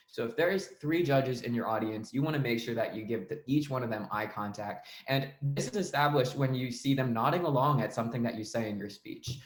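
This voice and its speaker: Young man coaching, echoey room. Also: medium pitch. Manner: casual explanatory tone with frequent fillers. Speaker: debate coach. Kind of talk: online lesson on speech delivery.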